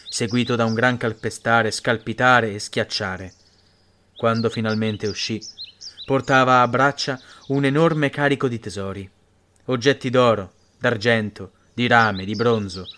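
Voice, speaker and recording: A man reading a fantasy story aloud in measured, expressive audiobook narration. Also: mid-range voice, slight background noise.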